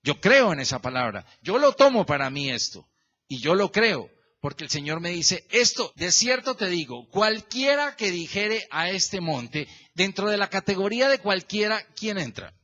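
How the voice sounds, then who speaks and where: A man's voice: high voice, moderate pace, lo-fi sound. A male pastor preaching a sermon, questioning the congregation and calling on members by name as he works through a verse. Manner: lively and animated, stretching the verse phrase by phrase.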